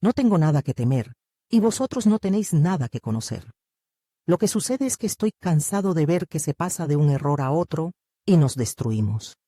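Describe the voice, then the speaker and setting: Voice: mid-range voice, sing-song, normal speed, mellow, no echo, clean studio sound. An audiobook narrator reading the lines of a resentful, argumentative male disciple in a bitter, protesting manner.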